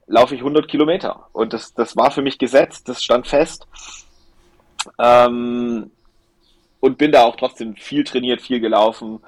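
A man's voice: medium pitch, no echo. A young man, a guest on a podcast, telling a rambling, enthusiastic story about running, with lots of fillers and restarts. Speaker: podcast guest, ultra trail runner. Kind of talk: casual storytelling interview.

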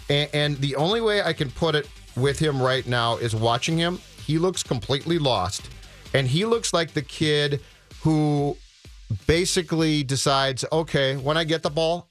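A man's voice: fairly high pitch, expressive, normal speed, soft background music. An American man in casual sports talk as an opinionated, emphatic radio co-host.

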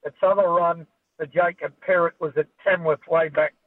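Casting: Australian male racing tipster, fairly high voice, off-the-cuff form preview, thin phone-line audio. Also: fairly even intonation, moderate pace, no echo. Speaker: horse racing form analyst. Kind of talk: unscripted racing preview on radio. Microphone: phone call to radio studio. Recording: tinny, band-limited phone line.

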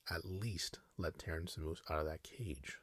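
A man's voice: extremely low pitch, normal speed, fairly bright tone, no room sound. A man whispering a worried polite little boy. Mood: pleading. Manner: polite, pleading. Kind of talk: whispered role-play.

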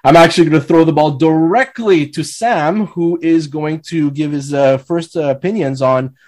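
A man hosting an unscripted sports talk show in an excited, showy manner. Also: on the high side, moderate pace. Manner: excited, showy announcer-like welcome. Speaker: podcast host.

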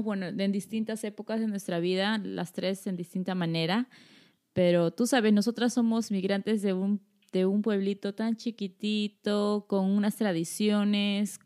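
A woman's voice: mid-range voice, a little mellow. A woman hosting a casual podcast interview, who often hesitates and repeats words while searching for them. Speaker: host.

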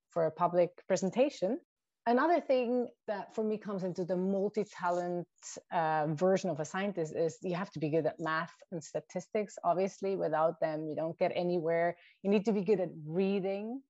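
Speaking in a low, dark voice, a shark scientist from Switzerland, a native Swiss German speaker, gives careful interview answers and lists her points with small restarts. The sound is dull, lo-fi, and dry, without any room sound.

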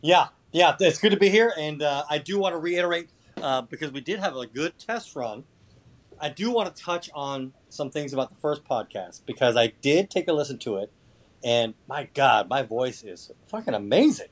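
A man's voice: on the high side, expressive, normal speed. A man chatting casually as a podcast guest, sarcastic and foul-mouthed, with mock boasting. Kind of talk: casual chat.

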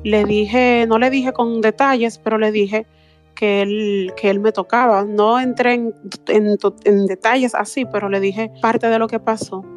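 A woman in her thirties giving a personal account in an interview, speaking earnestly with halting restarts. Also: medium pitch, steady tone, soft background music. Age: 30s. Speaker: interview guest. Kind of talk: personal testimony.

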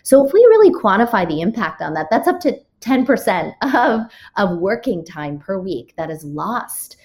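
Her mid-range, darkish voice swings widely in pitch at a normal speed as this author and keynote speaker answers podcast interview questions. She works through numbered rules in an organized way, illustrating each with a story, and now and then restarts or drops in fillers.

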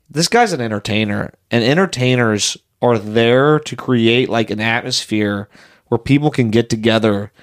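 Rambling, excitable podcast co-host, man. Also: on the low side. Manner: rambling, enthusiastic storytelling. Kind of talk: casual chat.

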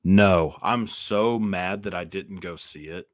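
A man's voice: deep voice, slow, no room sound, studio quality. A man with a standard American accent in casual, comedic podcast chat, often repeating short phrases as he goes. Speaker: podcast host.

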